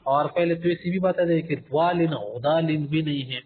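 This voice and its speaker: Man teaching recitation over a tinny line. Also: a little high. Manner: demonstrates recitation slowly, drawn out and sung; addresses listeners as respected gentlemen, explanatory. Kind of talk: tajweed lesson. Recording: tinny phone-like recording.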